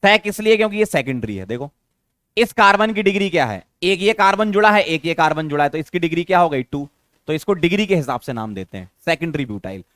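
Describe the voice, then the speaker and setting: A man's voice: a little high, lively intonation, quick pace, fairly bright tone, no room sound, studio quality. A man teaching a chemistry lesson, coaxing his students with questions and repeating the key terms. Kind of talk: classroom lecture.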